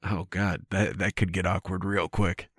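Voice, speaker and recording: A man's voice: low voice, flat delivery, moderate pace, fairly bright tone, slightly rough, no room sound, studio quality. A man co-hosting a podcast in casual chat, teasing his co-host and often repeating words as he restarts.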